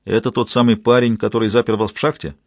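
A man voicing a frightened young woman journalist in an audiobook, asking tense, hushed questions. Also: lowish voice, level tone, fast talker, no room sound, lightly acted. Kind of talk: audiobook dialogue.

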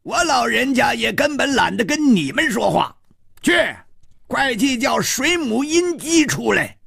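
A man's voice: very high voice, big pitch swings, a little slow, creaky, fairly bright tone, breathy edge, dry recording, studio quality, pitched above the performer's own voice, heavily acted. A male storyteller voicing a proud, angry old man of a beggar sect, barking orders.

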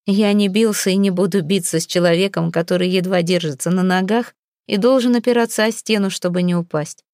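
A jealous, hot-tempered young prince snaps with irritation and scorn, as a woman reads his part in an audiobook. The tone sits low and mellow, with a dry close sound. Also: fairly even intonation, a little fast, no room sound, natural voice. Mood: scornful.

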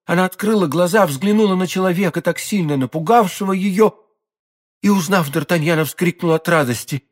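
A man narrating a classic novel in an audiobook with a measured, expressive reading. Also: sits high. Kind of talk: scripted literary narration.

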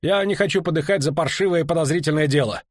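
A man's voice: a little high, quick pace, no echo, clean studio sound, voice pushed up, natural voice. A man reading an audiobook, voicing a fed-up, frightened soldier speaking out agitatedly. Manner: shouting, agitated.

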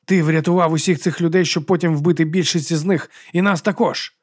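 A man voicing a desperate, hoarse man who accuses and pleads with his old mentor in an audiobook. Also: on the high side, fairly even intonation, fast, no room sound, studio quality. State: hoarse, burning throat. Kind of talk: audiobook character voice.

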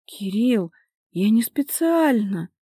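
A timid, tearful young girl in an audiobook drama, as a woman narrator puts her on. She speaks softly and pleadingly, a little higher than the narrator's own voice. The recording is dry and close. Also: expressive, normal speed, breathy edge, dry recording.

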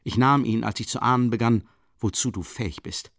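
A man's voice: mid-range voice, fairly even intonation, brisk, gravelly, dry recording, clean studio sound. A man voicing a furious young woman with a gun. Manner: shouting accusations, fierce. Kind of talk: audiobook reading.

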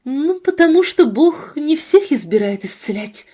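A woman's voice: high voice, very animated, a little slow, mellow, pitched above the performer's own voice. A woman voicing an earnest young wife who pleads with her husband in a read-aloud novel. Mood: pleading. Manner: pleading, urgent.

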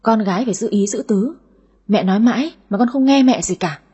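A woman's voice: medium pitch, fairly quick, warm tone, breathy edge. A woman playing a nagging, fussing mother. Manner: nagging, complaining.

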